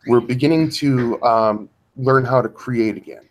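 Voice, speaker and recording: Slow, halting man in a discussion. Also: mid-range voice. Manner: slow and halting, pausing to search for words. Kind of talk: livestream discussion.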